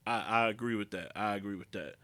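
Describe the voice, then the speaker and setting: Bright-voiced man hosting a podcast. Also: fairly low pitch, quick pace, dry recording. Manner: easygoing, laughing, conversational. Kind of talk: casual podcast recap chat.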